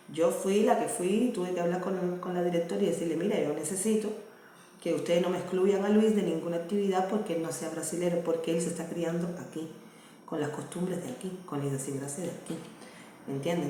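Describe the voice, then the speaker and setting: A Cuban woman in her thirties speaks with a Cuban accent, talking earnestly and conversationally to camera. Her voice sits a little low. It rings around a very echoey room over a faint hiss. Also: dark tone. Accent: Cuban Spanish. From Cuba. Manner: earnest, conversational, asks "¿me entiendes?". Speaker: vlogger, mother. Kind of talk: casual talk to camera.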